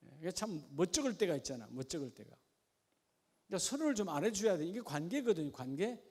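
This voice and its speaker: A man preaching a sermon, asking the congregation questions in a folksy way and at times dropping to a quiet, chatty aside. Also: high-pitched, sing-song, quick pace. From Gyeongsang region of Korea. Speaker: pastor.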